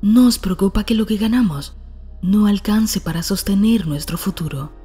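A woman reading a scripted self-help narration in a calm, soft, breathy manner. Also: mid-range voice, moderate pace, faint music behind.

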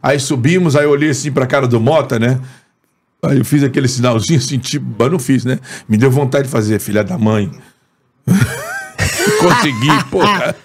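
A man's voice: medium pitch, fast, slight background noise. A man with a Brazilian Portuguese accent, a comedian and impressionist, telling a story in a podcast studio and acting out every scene. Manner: animated, acts out every scene.

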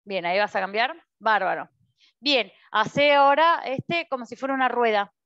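A woman with an Argentine Spanish accent leads a Pilates class, giving encouraging cues and often checking in with the students. Her voice sits high. The recording is dry and a little muffled. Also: moderate pace, fairly bright tone, clear, resonant tone, dry recording. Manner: instructive, encouraging, cueing movements with frequent "¿sí?". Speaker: Pilates instructor. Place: Pilates studio.

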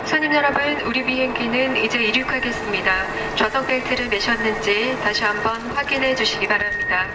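A woman's voice: fairly even intonation, a little fast. A woman flight attendant reading a polite, formal, scripted plane cabin announcement. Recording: echoey, distant mic, loud rumble noise. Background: loud aircraft cabin rumble.

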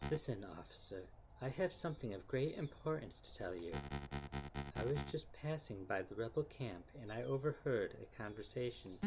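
A man voicing a scheming, godless wolfish friar in a game, in a measured, conspiratorial, menacing manner. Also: medium pitch, expressive, over music, natural voice, low-quality recording. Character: scheming, godless wolfish friar, coldly persuasive male villain. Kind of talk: reading visual novel game dialogue in character.

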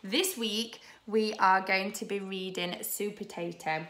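Slow, bright-voiced woman teacher reading aloud. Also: mid-range voice, fairly even intonation, reverberant. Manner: gentle, slow, asks children questions. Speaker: nursery teacher. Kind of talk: storybook reading for young children.

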